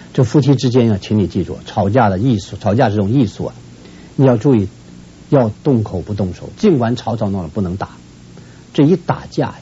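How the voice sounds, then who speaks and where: A man from Shenyang, a family counselor giving earnest, admonishing advice to viewers. His pitch jumps up sharply whenever he stresses a point. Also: dark tone, lo-fi sound, a little hiss or hum. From Shenyang, northeast China. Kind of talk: advice talk to a viewing audience.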